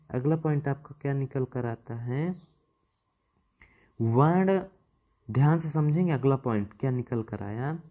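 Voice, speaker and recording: A man with a mid-range, mellow voice lectures a Hindi grammar class. He's repetitive, repeating key terms, stretching words for emphasis, and asking questions that he answers himself.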